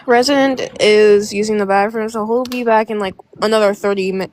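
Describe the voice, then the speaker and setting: A woman's voice: medium pitch, steady tone, brisk, darkish tone, no echo. A woman hosting a live stream, chatting in a bubbly, playful way. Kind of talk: casual banter.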